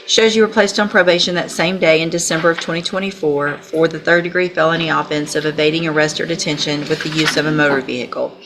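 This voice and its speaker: A woman's voice: sits low, steady tone, quick pace, few pauses. An American woman speaking as a judge in formal courtroom proceedings, explaining procedure step by step. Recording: noisy courtroom audio with clicks.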